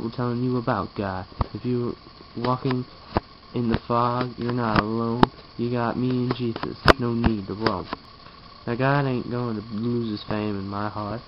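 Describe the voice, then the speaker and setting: A young man with a medium-pitched voice, clearly tired and yawning, lies in a small bedroom and talks drowsily, mumbling and trailing off, before rapping verses into his webcam. It's a casual vlog, recorded on a webcam held close overhead, so the audio is dull, lo-fi and noisy.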